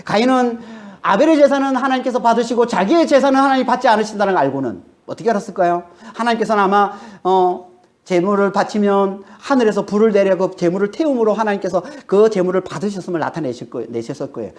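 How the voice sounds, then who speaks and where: A woman's voice: mid-range voice, lively intonation, fast talker, darkish tone. A woman pastor preaching a sermon, emphatic, and she keeps prodding her listeners with questioning tags. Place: church sanctuary.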